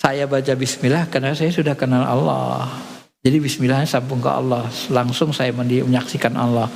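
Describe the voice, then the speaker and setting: A man voicing a calm, wise sufi imam. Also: medium pitch, brisk, vocal fry, big-room sound, pitched below the performer's own voice, lightly acted. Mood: gently correcting.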